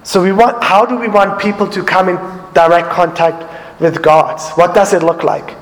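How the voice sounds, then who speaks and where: A man preaching a sermon as pastor, telling a family story with halting restarts. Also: high voice. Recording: echoey hall reverb.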